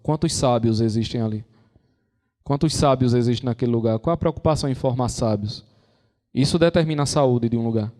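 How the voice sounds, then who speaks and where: A man's voice: mid-range voice, brisk, warm tone. Brazilian man lecturing in a reverberant hall. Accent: Brazilian Portuguese. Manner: conversational storyteller, acts out quotes. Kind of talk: lecture on intellectual and moral formation.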